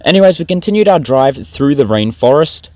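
A man's voice: medium pitch, expressive, brisk, darkish tone, no room sound. A young man, chatting in an easygoing, rambling way as he narrates his vlog and comments on a bushwalk. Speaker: vlogger.

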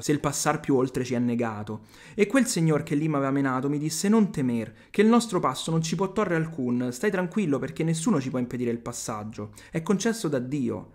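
A man with an Italian accent giving a video lesson, reading old verses aloud and paraphrasing them plainly. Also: a little high. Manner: reads verses then explains them plainly. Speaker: literature teacher.

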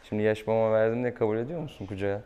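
The young veterinarian's voice sits on the low side, warm, clear and resonant, racing along in a steady tone with a lo-fi sound. He chats casually and playfully coaxes a pet while treating it, in a small tiled exam room, with a camera mic at a distance picking up a noisy room.

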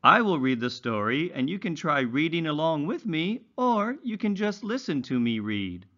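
A man teaching English to young children speaks a little high and very animated, at a moderate pace with a fairly bright tone. He enunciates carefully through a read-along lesson with exaggerated, instructional intonation. The recording is muffled.

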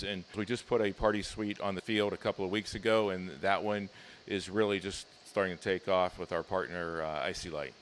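Middle-aged man from Pittsburgh, lowish voice, relaxed executive, faint hum behind. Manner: easygoing, hesitant with fillers. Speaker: team president. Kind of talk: casual interview answers. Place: stadium offices and deck. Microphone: handheld mic held by interviewer.

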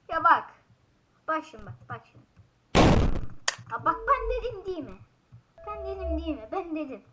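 A woman giving casual gameplay commentary as a YouTuber, frustrated and swearing loudly at the game. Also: sits high, slight background noise. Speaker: gaming YouTuber. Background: loud game music.

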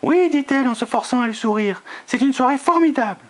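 A man voicing a reserved, unsure young heroine in a soft falsetto. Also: lively intonation, brisk. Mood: subdued.

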